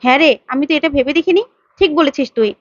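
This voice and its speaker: A woman's voice: high voice, fast, dry recording, highs cut off, close to an everyday voice. A woman voicing a loyal young man who speaks earnestly.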